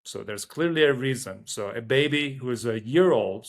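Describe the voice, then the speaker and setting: A man's voice: mid-range voice, lively intonation, moderate pace. A man from Turkey, a company co-founder, talking loosely as an interview guest with many fillers and restarts. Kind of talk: casual interview talk.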